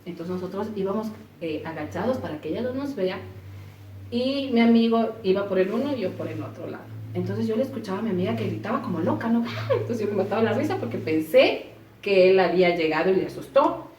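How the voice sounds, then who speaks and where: A woman recounts a story in a relaxed, spoken way, throwing her voice up high whenever she quotes someone. Her voice sits at a middle pitch and comes from some distance off the mic. The room is echoey and a faint hiss runs underneath. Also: fast talker. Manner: animated, acts out quoted voices with pitch jumps. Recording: roomy echo, voice from a distance, faint noise.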